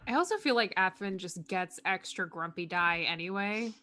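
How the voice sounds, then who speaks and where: Bright-voiced woman at a game table. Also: on the low side, moderate pace. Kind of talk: casual game-table chat.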